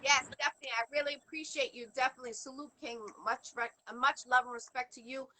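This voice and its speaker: A woman with a Boston accent hosts a casual interview. Her voice sits high and sounds bright and forward. She talks earnestly, wandering through thoughts with frequent "um"s and restarts. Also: steady tone, quick pace, poor audio. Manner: earnest, rambling with many fillers. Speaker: show host.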